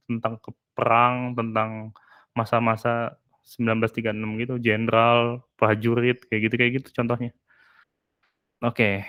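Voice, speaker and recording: A man giving a relaxed, chatty presentation to colleagues, with many fillers and brief asides to listeners. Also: mid-range voice.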